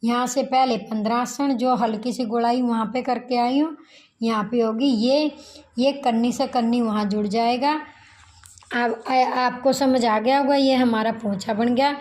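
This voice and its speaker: A woman teaching tailoring in a slow, repetitive sewing tutorial, counting measurements aloud as she cuts fabric. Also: fairly high pitch, fairly even intonation, a little mellow, low-quality recording.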